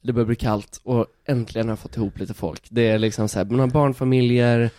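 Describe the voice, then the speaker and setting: A man in a relaxed podcast conversation, telling a story with lively energy. He swears casually and acts out the other people's lines. The sound is dry and close. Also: mid-range voice, no room sound. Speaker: guest telling stories.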